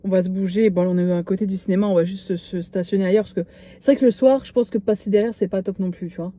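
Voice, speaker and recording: A woman's voice: medium pitch, steady tone, fast, mellow. Middle-aged woman vlogging, chatty, pokes fun at herself, lots of ums, plain mid voice. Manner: chatty, self-mocking, many hesitations. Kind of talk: casual chatty vlog.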